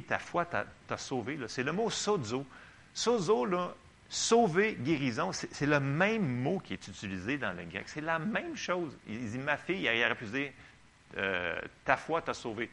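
Quebecois guy preaching, bright voice, pitch jumps all over, chatty asides. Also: big pitch swings, moderate pace, vocal fry. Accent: Québécois French. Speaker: pastor. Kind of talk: sermon with Bible reading.

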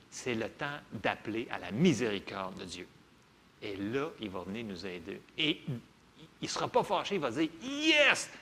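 Animated Québécois preacher man, gravelly. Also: medium pitch, a little hiss or hum. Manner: lively, conversational preaching with frequent "ok?" checks and acted-out voices. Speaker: pastor. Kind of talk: sermon.

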